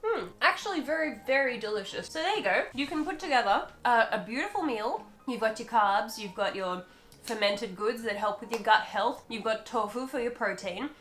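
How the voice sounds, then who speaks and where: A woman's voice: fairly high pitch, normal speed, reverberant, soft background music. A young woman chatting casually as she tastes and rates cheap convenience store food in a hotel room. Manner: chatty and animated, tasting and commenting on food. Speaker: food vlogger.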